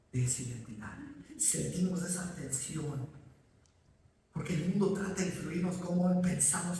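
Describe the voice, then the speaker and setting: Preacher in an echoey church. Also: male voice, fairly high pitch, dark tone, a little hiss or hum. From Ecuador. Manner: direct, addresses listeners as usted, asks questions and answers them. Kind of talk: sermon. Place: church sanctuary. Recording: echoey hall, voice from far off.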